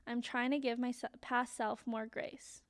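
A young woman with a high voice chats casually as a podcast co-host. She talks like a Valley girl, in a loose, filler-heavy way. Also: level tone, unhurried. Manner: Valley-girl talk, peppered with "like" and "literally". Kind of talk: casual chat.

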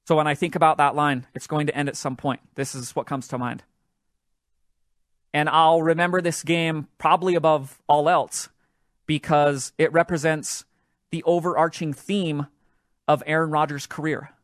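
A man hosting a solo podcast, telling a sports story in an animated, excitable way that builds up with the action. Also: fairly high pitch, normal speed, no echo, clean studio sound. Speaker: podcast host.

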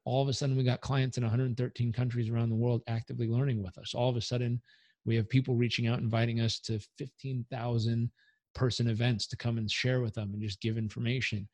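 A man being interviewed on a podcast as a coach, talking in an energetic, motivational way. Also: medium pitch, fast, no echo. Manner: energetic, motivational, leads breathing exercise aloud. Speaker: guest, coach.

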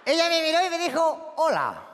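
A comedian with a Chilean Spanish accent playing a boastful, clownish young party-goer who rambles and shifts his voice with excitement. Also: very high-pitched, moderate pace, long reverb tail, full character voice. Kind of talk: comic storytelling sketch.

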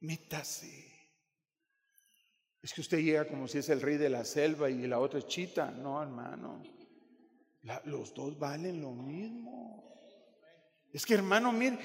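A man preaching a sermon in a joking, animated way, addressing listeners as brother. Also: high voice. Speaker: pastor. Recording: long hall reverb.

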